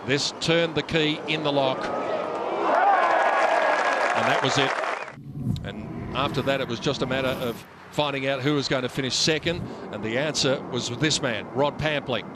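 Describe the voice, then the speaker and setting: Male golf commentator over loud crowd noise. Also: mid-range voice. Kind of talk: highlights commentary. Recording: crowd and outdoor noise behind. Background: loud golf crowd and outdoor ambience.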